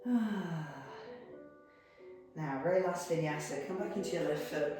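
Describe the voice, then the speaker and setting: A woman's voice: low-pitched, a little slow. A woman teaching a guided yoga class, cueing each move on the breath in an encouraging way, at times a little out of breath. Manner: encouraging, cueing moves on the breath with light laughs. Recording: very echoey room, mic from far off. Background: soft piano music.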